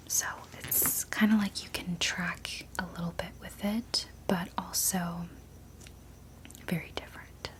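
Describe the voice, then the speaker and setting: Whispering woman, sleepy librarian role-play. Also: on the low side. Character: sleepy, gentle female librarian. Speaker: ASMR performer playing a librarian. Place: small indoor room at a desk.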